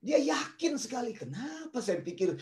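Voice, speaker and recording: A man's voice: very high voice, very animated, normal speed, darkish tone. A man teaching the Bible in sermon style, telling a story and addressing his listeners directly. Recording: roomy echo.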